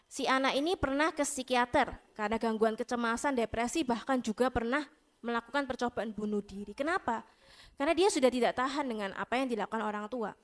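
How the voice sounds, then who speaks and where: A woman psychologist on a talk show giving parenting advice, emphatic and repeating her key points. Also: on the high side. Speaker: psychologist guest.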